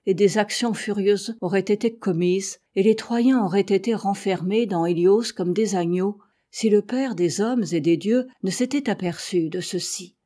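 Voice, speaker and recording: A woman narrating an epic poem as an audiobook, measured and phrase by phrase. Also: mid-range voice, dark tone. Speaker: audiobook reader.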